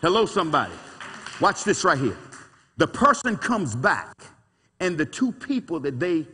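A male pastor preaches in a colloquial, animated way, calling out to his congregation. His voice is slightly husky, and his pitch leaps and drops with every point. The sound rings with the long reverb of a church hall. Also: normal speed. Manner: animated preaching with call-and-response asides; folksy, colloquial speech. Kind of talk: preaching a sermon. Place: church sanctuary.

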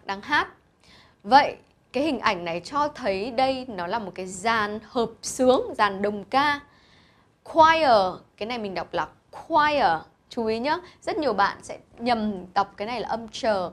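A woman's voice: on the high side, fairly bright tone. A woman teacher, explaining vocabulary to pupils and patiently repeating each word's pronunciation. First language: Vietnamese. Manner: patient, repeats and spells out pronunciation, mixing English words into explanations. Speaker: English teacher.

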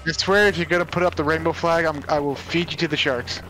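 A man's voice: fairly high pitch, steady tone, fast, a bit bright, a little hiss or hum, poor audio. A man giving casual gameplay commentary, joking and playfully bossing his partner around. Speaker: gamer guiding a co-op partner.

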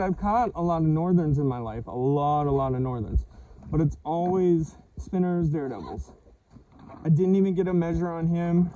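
A man's voice: a little high, vocal fry, a little hiss or hum, low-quality recording. A man narrating his fishing trip out on a lake, talking casually to the camera as he handles his catch. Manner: talks to himself while handling a fish, excited and breathless at times. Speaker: fishing vlogger. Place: on a boat on a lake, outdoors.

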